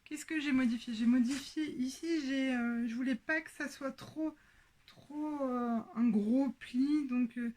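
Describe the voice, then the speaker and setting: Hesitant French woman, unhurried show-and-tell host, moves on and off mic. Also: high-pitched, steady tone, darkish tone. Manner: hesitant, many pauses and fillers. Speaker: sewing podcast host.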